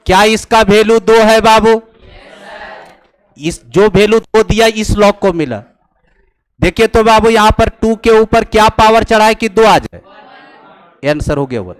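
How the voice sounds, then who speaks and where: Slow, high-voiced math teacher. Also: male voice, smooth. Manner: slow, teasing, mixing Hindi and English, chuckling asides. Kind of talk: classroom lecture. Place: coaching classroom.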